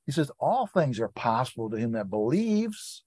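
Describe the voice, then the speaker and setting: A man's voice: mid-range voice, very animated, normal speed, a little mellow, no echo. Casting note: man teaching scripture informally, plain everyday delivery, dry close sound. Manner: conversational, reads scripture aloud with asides. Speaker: Bible study leader.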